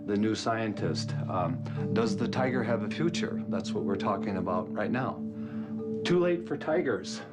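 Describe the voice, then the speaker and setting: A man's voice: fairly low pitch, normal speed, loud music behind the voice. A middle-aged or older man giving a personal account as an expert in a documentary interview.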